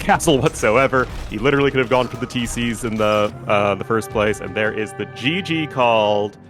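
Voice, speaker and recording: A man co-casting a strategy game tournament in a relaxed, chatty way, laughing often. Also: medium pitch. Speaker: tournament co-caster. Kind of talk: casual game commentary.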